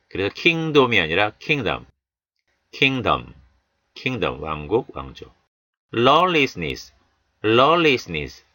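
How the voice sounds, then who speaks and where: A man teaching English pronunciation of Bible verses, stretching out model words slowly and explaining calmly. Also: fairly low pitch, dry recording.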